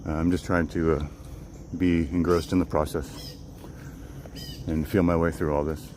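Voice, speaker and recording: Male streamer, deep voice, casual repetitive chat, recorded outdoors with faint cricket-filled background noise. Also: level tone, normal speed, darkish tone. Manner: rambling, repeats and restarts phrases. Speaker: livestreamer hosting a walk and talk. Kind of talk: casual livestream chat with viewers. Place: outdoors on a walk in the woods. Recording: outdoor noise with insects and nature sounds. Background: crickets, outdoor nature ambience.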